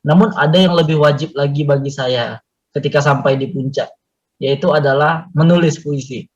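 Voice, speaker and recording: A man with a fairly high voice speaks at normal speed as a guest poet and mountain climber in an online community meeting. He comes across earnest and reflective, using many fillers, through muffled video-call audio.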